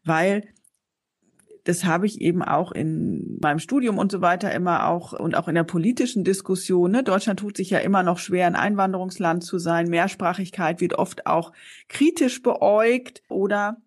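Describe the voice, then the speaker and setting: A woman's voice: on the low side, moderate pace, husky. A woman interviewer who asks long, reflective questions and thinks aloud.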